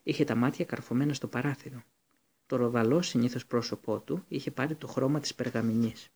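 Male audiobook reader, gravelly, husky tone, steady storybook reading. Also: mid-range voice. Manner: steady reading, occasional slips and restarts. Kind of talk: storybook narration.

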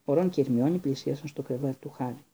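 Male audiobook narrator; measured, husky, very dark tone. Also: mid-range voice. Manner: calm, measured storytelling. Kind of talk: scripted narration.

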